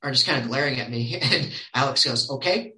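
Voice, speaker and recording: A man telling stories casually as a podcast guest, animated and quoting others in lively voices. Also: medium pitch, a little fast, roomy sound, poor audio. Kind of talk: casual storytelling.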